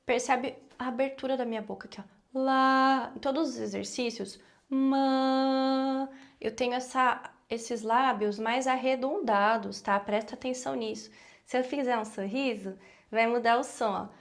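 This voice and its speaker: A woman's voice: on the high side, fairly even intonation, normal speed. A woman with a Brazilian Portuguese accent teaching a singing lesson, explaining patiently and checking in with her students often.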